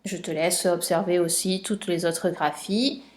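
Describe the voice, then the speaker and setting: A woman's voice: fairly low pitch, fairly even intonation, a little slow, darkish tone, no room sound. A woman teacher giving a patient spelling lesson and dictation to a young child, spelling letters out one by one and repeating each point. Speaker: primary school teacher.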